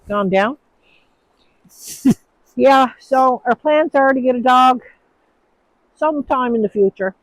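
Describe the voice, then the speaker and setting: A woman's voice: fairly high pitch, no echo, low-quality recording. A woman from Newfoundland with the local accent chats to her phone out in the snow. Her talk wanders and stalls on little uhs. The sound is close and dry. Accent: Newfoundland English. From Newfoundland, Canada. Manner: rambling, chatty, hesitant with many uhs. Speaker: vlogger answering viewer questions. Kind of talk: casual chat. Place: outdoors, with snow falling.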